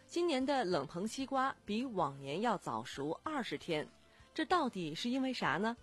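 A woman presenting local radio news in a scripted, lively newsreader delivery. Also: mid-range voice, moderate pace, slightly rough, faint music behind.

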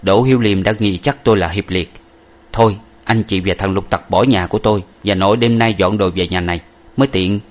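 A man voicing an earnest young masked gentleman who speaks in a grave, measured way. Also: sits low, close to an everyday voice. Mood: solemn.

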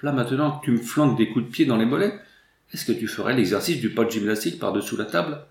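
A man doing a booming rustic young soldier. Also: quick pace, vocal fry, reverberant, lightly acted. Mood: blunt. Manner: boisterous, booming country talk. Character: loud rustic young male soldier, jovial and blunt.

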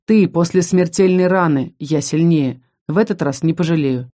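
A woman's voice: fairly low pitch, normal speed, warm tone, lightly acted. A woman voicing a stern young female fantasy warrior who talks in a firm, commanding way.

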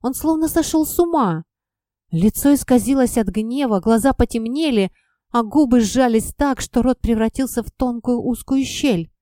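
A woman narrating a first-person audiobook in an expressive, measured reading. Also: on the high side, dry recording, clean studio sound.

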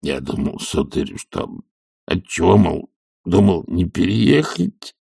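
A man's voice: extremely low pitch, steady tone, unhurried, vocal fry, husky, no echo, studio quality, heavily acted. A man voicing a timid old servant who mumbles meekly to his master. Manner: mumbling, meek. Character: old timid male servant, grumbling and humble.

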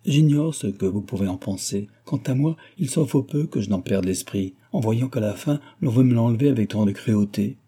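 A man's voice: medium pitch, animated, moderate pace, few pauses, warm tone, breathy edge. A man voicing a chattering, pushy middle-aged mother in an audiobook, talking in a gushing, overfamiliar, insistent way.

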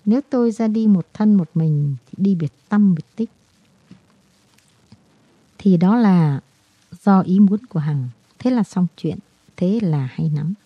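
A woman's voice: fairly low pitch, animated, unhurried, long pauses, breathy edge, no echo. A woman reading the lines of a heartbroken young man who pleads earnestly with the woman he loves. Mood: resigned. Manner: earnest, pleading, melodramatic delivery. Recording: dull, dry lo-fi recording.

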